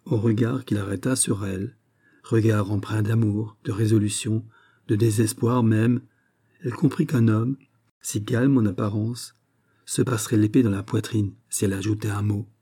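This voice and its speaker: Husky guy reading an old novel aloud, low dark voice, measured. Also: fairly even intonation. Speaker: audiobook narrator. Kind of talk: classic novel audiobook narration.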